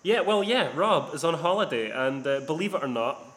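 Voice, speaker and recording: A man's voice: a little high, animated, moderate pace, a bit bright. Rambling male podcast host, echoey room. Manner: rambling, self-deprecating. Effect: echoey sound from a near-empty living room. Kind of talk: casual podcast chat. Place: sparse living room, indoors.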